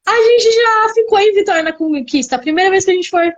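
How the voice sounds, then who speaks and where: A young adult woman from Brazil, a missionary and youth leader, chatting in a casual interview and excitedly repeating words for emphasis. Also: extremely high pitch, fast talker, dull audio. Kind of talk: casual interview on a live stream.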